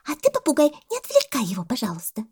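A woman voicing an excitable little female monkey with a very high, squealing voice. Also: fast talker, breathy edge, full character voice. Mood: excited.

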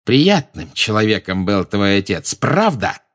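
Man doing a menacing teacher, audiobook, slow, cold, bitter. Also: on the low side, big pitch swings, a bit bright.

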